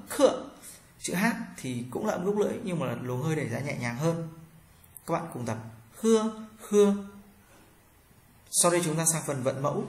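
A man teaching a pronunciation lesson, drawing out model syllables slowly for learners to repeat. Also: on the high side, reverberant.

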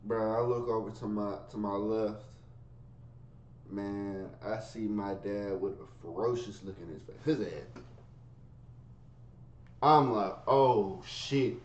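A man telling a story in casual, profane street slang, swinging from low mutters to high yelps. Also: takes it slowly, pauses often, slight background noise. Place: his bedroom. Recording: roomy, dull lo-fi sound.

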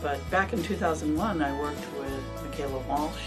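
An older woman professor speaks in a warm, proud way from an office lined with bookshelves. Her voice is very low for a woman. Loud music plays beneath her in the video clip. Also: moderate pace. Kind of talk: interview in a promotional video.

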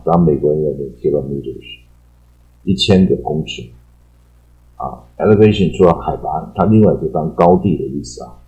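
A man teaching English vocabulary in a casual lesson, with a Taiwanese Mandarin accent, explaining words and padding his sentences with drawn-out fillers and repetition. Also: a bass voice, mellow, dull audio.

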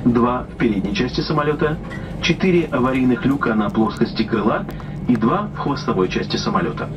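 A man formally reads a scripted flight safety demo announcement in a measured manner. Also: medium pitch, lively intonation, music in the background. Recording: muffled distant cabin speaker, loud aircraft noise. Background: loud aircraft cabin noise.

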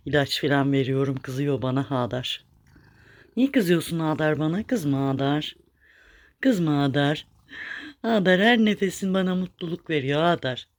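A woman's voice: low-pitched, normal speed. A woman caring for a street cat at home and talking to it in fond, chiding baby talk, repeating its name, with a cat purring nearby. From Turkey. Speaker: street cat rescuer and vlogger.

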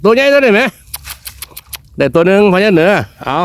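A man with a high voice and a northeastern Thai Isan accent hosts an outdoor vlog. He calls out short, repeated exclamations as a running commentary. There is faint open-air noise behind him. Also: lively intonation, a little fast. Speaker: vlog host. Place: outdoors in the countryside.

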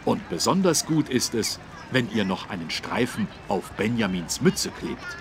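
A man's fairly low voice, very animated and measured in pace, comes through a noisy background. He voices a kind, careful policeman in an educational game, explaining road safety to children with patience and emphasis.

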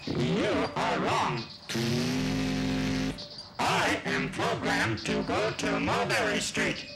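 A man voicing a boastful, stubborn robot machine in a stiff, deliberate robotic voice for a children's puppet sketch. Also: fairly low pitch, wildly swooping pitch, gravelly, roomy sound, loud music behind the voice, heavily acted, low-quality recording.

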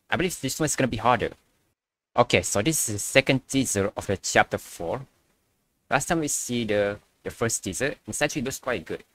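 A man's voice: lowish voice, a bit bright. A young man giving casual reaction commentary as a video host.

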